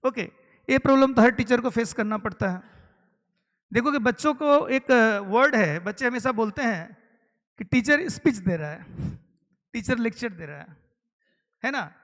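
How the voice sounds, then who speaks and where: In a very high, slightly bright voice, a man from eastern India explains teacher-training content one step at a time. He uses English terms here and there and asks listeners rhetorical questions; the hall adds a long reverb.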